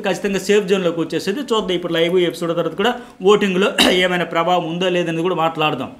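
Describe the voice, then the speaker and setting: Fast, emphatic male commentator. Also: sits high, a bit bright. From Telugu states, India. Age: middle-aged. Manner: emphatic, rhetorical and repetitive. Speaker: journalist commentator. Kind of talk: opinionated solo commentary.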